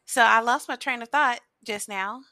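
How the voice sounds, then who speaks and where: Woman, about 30, podcast guest: bright, high-ish, giggly and self-deprecating, dry close mic. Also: normal speed, dry recording. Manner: laughs often, chatty and self-mocking. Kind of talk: casual chat.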